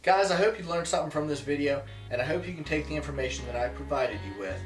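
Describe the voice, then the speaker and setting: Guy doing a how-to video, kinda higher voice, really emphasizes stuff, roomy echoey sound. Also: fast talker, faint music behind. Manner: emphatic, repeats key points for stress. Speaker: presenter teaching goose calling. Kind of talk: instructional video talk to viewers.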